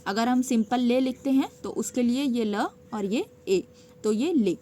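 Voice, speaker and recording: A fairly high-voiced woman walks through a shorthand lesson one step at a time, pausing often to check that her students are following. Her tone is patient and steady. A faint hiss of noise sits under the recording. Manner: patient, checks in with frequent "okay" and "theek hai". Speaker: stenography teacher.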